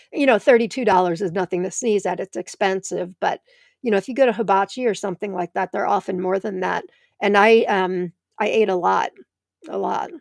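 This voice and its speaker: A woman's voice: medium pitch, gravelly, no room sound, clean studio sound. A middle-aged American woman hosting a live stream from home, chatting and answering viewers by name. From United States. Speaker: host of a live tomato show. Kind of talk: live stream chat reading comments.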